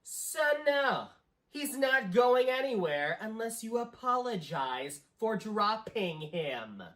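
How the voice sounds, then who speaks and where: A catty, indignant forest vampire prince, acted out by a woman in a tabletop game. The delivery is slow and theatrical, swinging widely in pitch with haughty disdain. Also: very animated. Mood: wounded, indignant.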